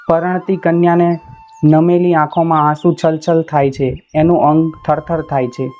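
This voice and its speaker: A man telling a folk tale in a measured, poetic narrating style. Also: on the high side, mellow. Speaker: storyteller. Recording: dull lo-fi recording with faint instrumental music.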